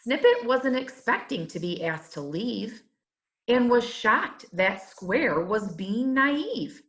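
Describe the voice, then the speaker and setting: A woman reads a rhyming children's storybook aloud in a slightly high voice, measured and expressive like a teacher.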